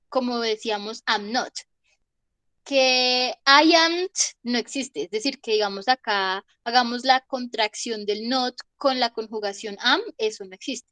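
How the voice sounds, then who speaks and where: A woman teaching a class, her voice sitting high and bright. She explains patiently and keeps checking that everyone follows. The sound is close and dry, with no room around it. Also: dry recording. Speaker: English teacher. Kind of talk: online class lecture.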